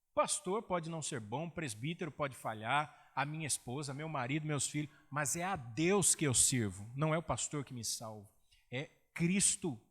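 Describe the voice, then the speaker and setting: A man's voice: fairly high pitch, lively intonation, moderate pace, a bit bright. A man, a pastor, preaching an expository sermon in a conversational way, often quoting imagined churchgoers.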